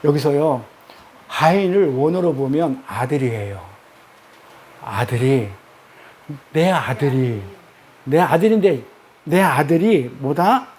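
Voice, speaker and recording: A man's voice: fairly high pitch, slow, long pauses, darkish tone, a little hiss or hum. A man leading a Bible study lecture, pressing his listeners with constant rhetorical questions and repeating key words for emphasis. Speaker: Bible teacher.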